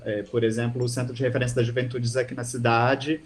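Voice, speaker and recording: A man's voice: mid-range voice, flat delivery, fast talker. A man taking part in an online training meeting, speaking earnestly and hesitantly with fillers. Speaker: participant.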